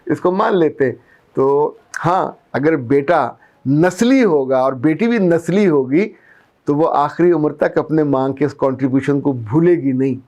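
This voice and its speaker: Man, Pakistani Urdu accent, a bit high-pitched, an earnest life coach talking viewers through everyday examples. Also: a little mellow, dull audio. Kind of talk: advice talk to viewers.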